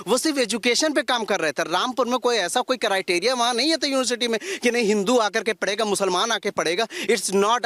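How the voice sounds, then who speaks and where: Heated young man, high voice. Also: a bit bright, dry recording. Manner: heated, impassioned, repeating himself. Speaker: young interviewee. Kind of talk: street interview.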